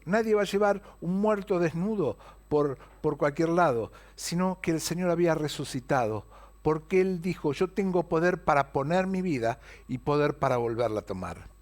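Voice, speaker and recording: A man with a Rioplatense Spanish accent preaching an Easter sermon, retelling a story and asking the congregation rhetorical questions. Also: fairly high pitch. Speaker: pastor.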